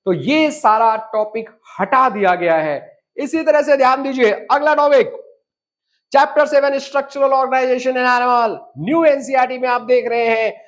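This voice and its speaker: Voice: high voice, unhurried. A biology teacher giving an exam-prep syllabus lesson who mixes English terms into the talk, speaks straight to the students and quizzes them, and drives points home by listing and repeating. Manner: addresses students directly with quiz questions.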